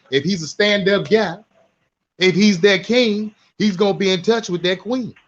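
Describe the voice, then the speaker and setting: A man's voice: a little high, fairly bright tone. A man, co-hosting a podcast, telling a story and preaching a little. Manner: storytelling, preachy, keeps saying "you know what I'm saying". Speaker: podcast co-host. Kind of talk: casual opinion talk. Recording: dull lo-fi sound.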